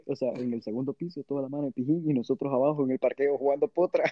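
A man's voice: mid-range voice, quick pace, no room sound. Young man, slangy storyteller, dry muffled sound. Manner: slangy, animated storyteller with laughs. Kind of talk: casual storytelling chat.

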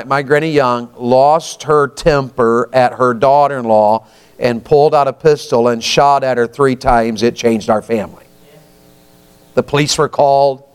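A man's voice: medium pitch, clean tone. A man, preaching a folksy sermon and often asking the congregation questions. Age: 50s.

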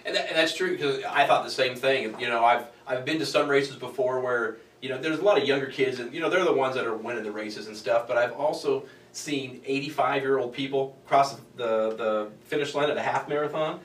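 A man's voice: mid-range voice, a little fast, few pauses, fairly bright tone, recorded from a distance, a little hiss or hum. A man in his forties hosting an interview, chatty and rambling, full of "you know". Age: 40s. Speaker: interviewer, host. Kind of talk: conversational interview. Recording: echoey room, voice off-mic.

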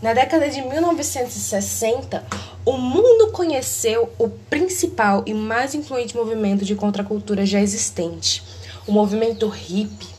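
A woman's voice: a little high, expressive, normal speed, darkish tone, a little hiss or hum. A woman hosts an educational explainer, reading a prepared text with small slips and self-corrections, her audio clipping and distorted. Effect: clipping, distorted blown-out audio. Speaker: host.

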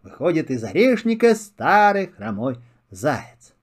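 An older man reading a fairy tale aloud to small children, in a slow, expressive way, dropping low for the narration. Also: breathy edge. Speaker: storyteller.

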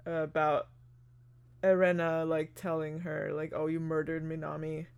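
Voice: mid-range voice, monotone, unhurried, vocal fry, a little mellow, clean tone. A podcast co-host in casual chat, retelling an anime episode step by step with lots of fillers like "like" and "you know". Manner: narrates plot steadily with fillers like "like" and "you know".

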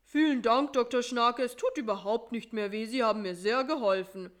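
A woman voicing a whiny male cross spider with a toothache in a storybook reading, her voice pitched well above her own with a slow, wailing delivery. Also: lightly acted. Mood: relieved.

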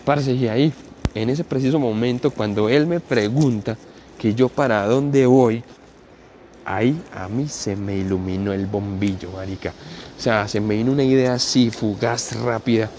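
A man, telling a story in a relaxed, slangy way and pausing to explain his expressions. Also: medium pitch, slight background noise. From Colombia. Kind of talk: spoken storytelling.

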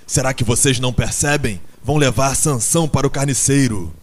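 A man voicing a grumpy old male donkey who shouts in alarm, in an audiobook. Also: medium pitch, measured pace, natural voice. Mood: exasperated. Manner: urgent shouting.

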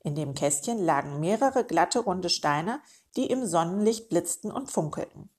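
A woman reading a children's storybook aloud in a lively way, speaking directly to young listeners. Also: on the low side, normal speed.

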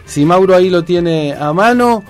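A man with an Argentine accent hosting a casual radio show, relaxed and hesitant, with many fillers. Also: sits high, moderate pace, faint music behind. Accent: Argentine Spanish. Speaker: radio host.

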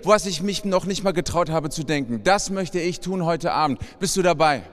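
Man, preacher, high voice, long hall reverb. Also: normal speed. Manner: direct address to audience, conversational. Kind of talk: sermon with Bible reading.

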